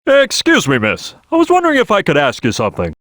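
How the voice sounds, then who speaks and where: A loud, bright cartoon crocodile boss. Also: male voice, sits high, wildly swooping pitch, fast, no room sound, studio quality, full character voice. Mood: sly, businesslike. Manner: boisterous, cocky, streetwise, barking. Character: gruff, brash, bossy male crocodile detective boss. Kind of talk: animated video game character acting.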